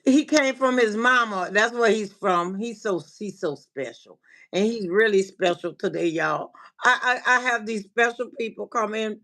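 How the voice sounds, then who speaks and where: A woman from Minnesota, USA, a life coach, hosts a casual livestream, chatting and greeting viewers from the chat with frequent restarts and laughter. Her voice is medium-pitched at normal speed, bright and forceful.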